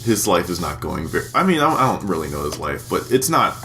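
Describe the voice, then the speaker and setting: A man in his twenties co-hosts a podcast, rambling casually through crude stories and laughing often. His low voice is sing-song, fast, pushed and bright, with a little hiss or hum in the background.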